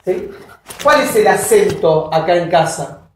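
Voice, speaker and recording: A woman giving a university lecture, often checking that her students follow with quick questions. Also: lowish voice, animated, darkish tone, a little hiss or hum. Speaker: linguistics lecturer. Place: classroom. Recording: roomy classroom audio from a distance.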